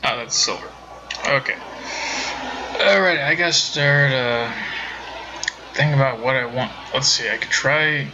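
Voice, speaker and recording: A man's voice: mid-range voice, a little slow, long pauses, highs cut off, noisy background. A man streaming a game from home, chatting casually with viewers and rambling with many self-corrections. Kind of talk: casual let's-play commentary.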